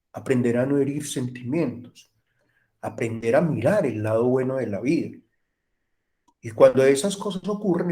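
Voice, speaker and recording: A man's voice: a little high, mellow. A middle-aged Colombian man teaching an online university class, telling stories and acting out bits of dialogue. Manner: storytelling, acts out dialogue, repeats himself. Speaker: university lecturer.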